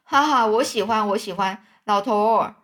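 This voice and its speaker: A woman's voice: medium pitch, normal speed, a bit bright, close to an everyday voice. A woman storyteller voicing a melodramatic young male drifter who boasts and then laments his fall in a theatrical, mournful way. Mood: amused.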